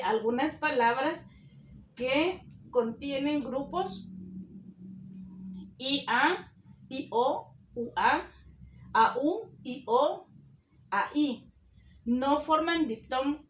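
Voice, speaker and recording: A woman teacher giving a recorded spelling lesson, dictating rules slowly and deliberately. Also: high-pitched, echoey room, a little hiss or hum.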